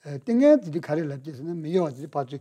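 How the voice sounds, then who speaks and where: Husky-voiced lama teaching slowly. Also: male voice, fairly high pitch, very animated, warm tone. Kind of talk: dharma teaching with interpreter.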